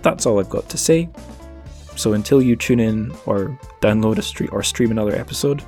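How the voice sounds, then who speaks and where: Against soft background music, a man with a lowish, darkish voice talks at a moderate pace. As host of the podcast, he gives a casual solo outro full of rambling jokes, self-deprecation and chatty plugs.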